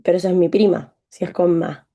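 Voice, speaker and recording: This French lesson comes from a Chilean-accented woman whose voice is low-ish, mellow, and fairly quick, with a flat delivery. She stays encouraging and leans on lots of examples to explain things.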